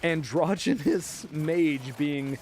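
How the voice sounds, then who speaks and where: Speaking slowly in a voice on the high side, a male streamer chats loosely with his audience, joking, chuckling frequently and now and then trailing off into muttered asides as he animatedly rambles. Background noise can be heard.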